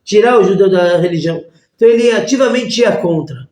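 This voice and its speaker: A man, a rabbi teaching a lesson through lively stories and acted-out voices. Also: high voice, fairly quick. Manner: animated storyteller acting out voices. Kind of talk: storytelling lesson. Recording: echoey room.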